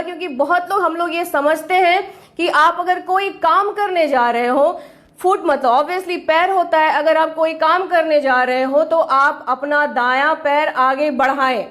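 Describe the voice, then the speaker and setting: Young woman, high voice, teaching an online class and drawing out English phrases slowly. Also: a bit bright. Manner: mixes Hindi with English phrases, slows down sharply on English sentences.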